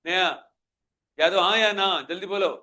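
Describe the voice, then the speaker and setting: High-voiced man teaching a class. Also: fairly even intonation, normal speed, bright, forceful tone. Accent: Hindi. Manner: questioning, coaxing students to answer aloud. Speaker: physics teacher. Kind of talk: live classroom lecture.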